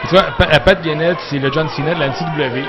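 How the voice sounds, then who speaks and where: A man's voice: fairly high pitch, quick pace, muffled recording. A man with a Quebec French accent giving casual, joking colour commentary on live wrestling in colloquial speech. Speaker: guest-style colour commentator. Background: music and crowd.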